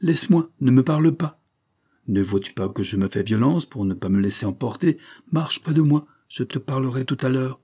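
A man's voice: mid-range voice, brisk, dark tone, breathy edge, close to an everyday voice. A man reading aloud voices a young woman, a loving but defiant daughter, pleading emotionally in a raised voice.

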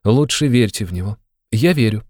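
A man's voice: lowish voice, animated, moderate pace, a little mellow, no echo, studio quality, pitched above the performer's own voice. A man reading an audiobook, voicing a firm, reassuring young woman in a raised voice. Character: composed young woman, firm and tender daughter.

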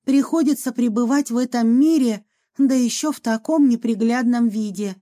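A woman voicing a chatty young female ghost, a former medium, who talks in a lively, theatrical way and sighs a lot. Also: a little high, normal speed, lightly acted. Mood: wistful. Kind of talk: audiobook reading.

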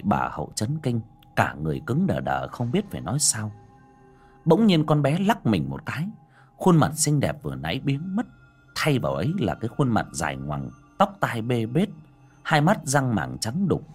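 Husky man telling a ghost story. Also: mid-range voice, moderate pace, faint music behind. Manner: expressive, swooping delivery. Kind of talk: dramatic ghost story narration.

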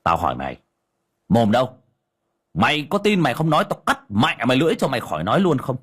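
A man's voice: deep voice, sing-song, fairly quick, a bit bright, breathy edge, heavily acted. A man voicing a short-tempered young exorcist who barks threats. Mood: menacing. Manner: barking, cursing threats.

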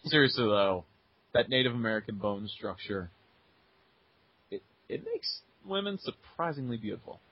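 A young man co-hosts a casual book talk and speaks eagerly, often stumbling and restarting. His husky voice is very animated in pitch. The audio sounds dull and dry. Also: normal speed. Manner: excited, laughing, stumbling restarts. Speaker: podcast co-host. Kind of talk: casual chat. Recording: dull lo-fi recording.

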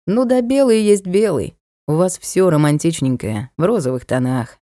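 A blunt young knight, voiced by a woman reading an audiobook needles and teases in a low, mellow voice. He talks in a brusque, matter-of-fact way. The recording is dry and close. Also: lively intonation, normal speed, no echo, lightly acted. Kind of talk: audiobook character voice.

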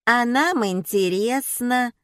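A woman's voice: mid-range voice, animated, unhurried, no echo, studio quality, close to an everyday voice. A woman reading an audiobook and voicing a harsh, scolding middle-aged mother. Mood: gushing.

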